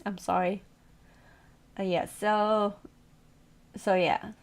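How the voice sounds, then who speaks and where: A woman's voice: medium pitch, little pitch movement, extremely slow. A woman streamer chatting casually with her viewers, playful and teasing, laughing often.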